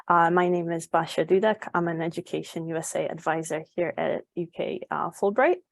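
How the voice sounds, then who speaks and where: A young woman from Poland presents a study-abroad webinar as an advisor, her lowish voice carrying a gravelly edge. She explains things step by step and fills her pauses with ums and uhs. The recording is dry and close. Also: no echo. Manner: frequent ums and uhs, informative. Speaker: education advisor.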